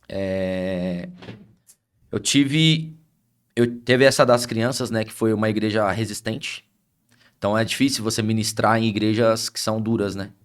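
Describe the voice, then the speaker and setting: A man's voice: fairly low pitch, steady tone, measured pace, clear, resonant tone. A man with a Brazilian Portuguese accent, an itinerant pastor telling ministry stories in a podcast conversation.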